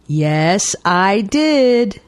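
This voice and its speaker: A woman reading everyday dialogues aloud for English learners with clear, deliberate enunciation. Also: mid-range voice, sing-song, no echo, clean studio sound. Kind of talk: slow scripted dialogue reading.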